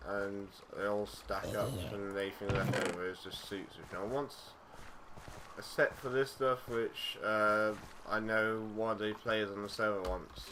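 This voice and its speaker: A young man talks through his game in a loose, rambling way, full of fillers and restarts. His voice sits fairly low. Loud noise runs under the recording along with clicks from the game. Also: steady tone, measured pace. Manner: rambling, easygoing, frequent fillers and self-corrections. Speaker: gaming YouTuber. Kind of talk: casual let's-play commentary.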